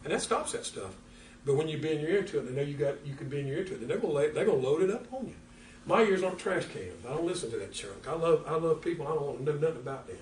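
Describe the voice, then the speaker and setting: Older preacher man, folksy and animated, bit high voice, echoey church, kinda far from the mic. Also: quick pace, slight background noise. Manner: folksy, animated, acts out dialogue. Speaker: pastor. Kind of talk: sermon.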